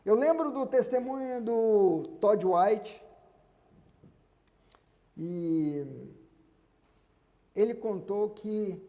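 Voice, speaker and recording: A man's voice: high voice, very slow, long pauses, warm tone, lo-fi sound. A Brazilian man preaching a sermon as pastor, telling a story and urging his congregation on. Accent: Brazilian Portuguese. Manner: earnest storytelling, exhorting the congregation. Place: church hall. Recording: long hall reverb.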